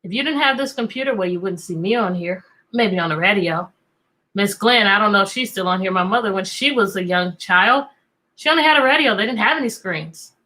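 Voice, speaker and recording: In a rough recording, a woman teacher leads an interactive read-aloud for children. Her mid-range voice moves a little fast and sounds animated, and she asks her young listeners questions and repeats them.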